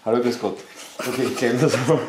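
A man's voice: medium pitch, quick pace, very noisy. A man in his twenties with an Austrian accent, bantering casually and teasing boisterously as a vlog host during a drinking game. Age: 20s. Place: clothing studio room at a table. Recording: roomy indoor sound, music behind.

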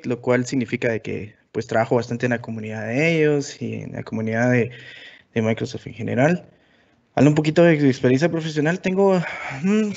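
A man from Guatemala with a Guatemalan Spanish accent, giving a relaxed technical webinar presentation full of fillers and restarts. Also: medium pitch, vocal fry, dull audio. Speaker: conference speaker.

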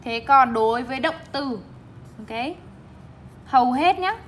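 A young woman English teacher with a bright, clear voice, speaking a little higher than most women. She explains word stress in a bilingual classroom style, leaning hard on stressed syllables as she models each word. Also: expressive, unhurried, slight background noise. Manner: emphatic, stresses syllables while modeling words.

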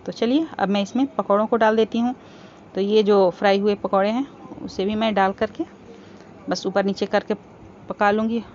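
A woman hosting a cooking channel, calmly explaining each step of a home recipe in a voice-over. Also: medium pitch. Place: home kitchen. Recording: slightly dull home recording with faint background hiss.

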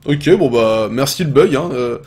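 A young French man giving casual, excitable commentary while playing a game, swearing often and talking to his viewers. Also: mid-range voice, moderate pace. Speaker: gaming video host.

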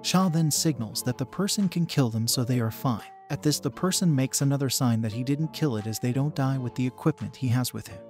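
A man narrating a comic story recap in a steady, plain storytelling manner. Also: mid-range voice, fairly quick, hardly any pauses, soft background music.

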